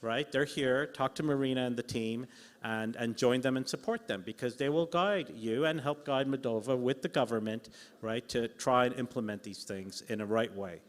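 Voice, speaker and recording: A man with a medium-pitched voice speaks at normal speed, live on a conference panel in a large indoor hall. He is persuasive and emphatic, using short punchy phrases, and the echoey hall sound system carries his voice.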